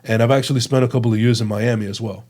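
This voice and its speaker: A man, talking casually as a guest in an interview, relaxed and thoughtful, with frequent fillers. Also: mid-range voice, very fast. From New Jersey.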